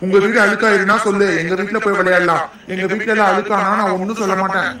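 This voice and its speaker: A cheeky little cartoon boy, played by a man, who boasts and picks quarrels with his playmates in a high, bright voice. The sound is very echoey and set back from the mic, with a crowd murmuring behind. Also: little pitch movement, very fast, recorded from a distance, close to an everyday voice. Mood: boastful. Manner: bold, teasing, argumentative. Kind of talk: cartoon dubbing.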